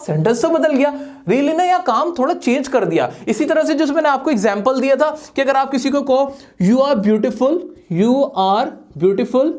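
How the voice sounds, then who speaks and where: A man teaching a grammar lesson who keeps asking questions and answering them himself. He joins in with playful jokes for his students and draws out his example sentences slowly. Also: extremely high pitch.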